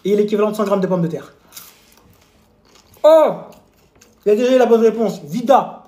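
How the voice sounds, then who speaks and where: A man who works as a fitness coach eats during a live stream, chatting casually and talking with his mouth full as he teases viewers with mock lessons and quizzes. He speaks at normal speed in a high, mellow voice, and the sound is roomy.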